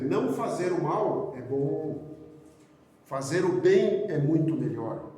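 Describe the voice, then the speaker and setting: A man's voice: a little high, dark tone, a little hiss or hum. A man with a Brazilian Portuguese accent giving a spiritist doctrinal lecture, posing rhetorical questions and repeating phrases for emphasis. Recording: echoey hall, speaker far from mic.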